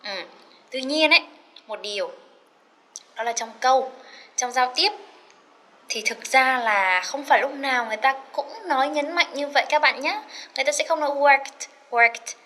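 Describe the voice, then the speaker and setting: A woman teaching an English lesson, chatty and encouraging, slowly repeating words to drill their pronunciation and mixing in English phrases. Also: sits high, sharp tone. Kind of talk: recorded classroom lesson.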